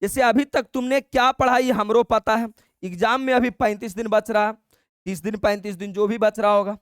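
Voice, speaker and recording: A man teaches an exam-prep maths class, his voice sitting high and coming through smooth and clear. He talks in a colloquial, coaxing way, calls the students brother, and dictates each step slowly, repeating it. The sound is dry and close to the mic. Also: fairly even intonation, no room sound.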